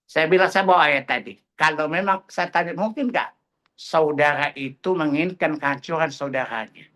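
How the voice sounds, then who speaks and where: A middle-aged man with a fairly high, fairly bright voice leads a religious study class at a moderate pace. His preaching is fiery and combative, mocking opponents and pounding listeners with rhetorical questions.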